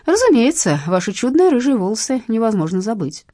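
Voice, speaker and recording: A sly, ceremonious old man on the phone, courteous on the surface and menacing underneath, as a woman reads him in an audiobook. The voice is dark and husky, with pitch that rolls up and down. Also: very animated, fairly quick, no echo, clean studio sound. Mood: smoothly menacing. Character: elderly courteous male blackmailer, smooth and sly. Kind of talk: audiobook narration.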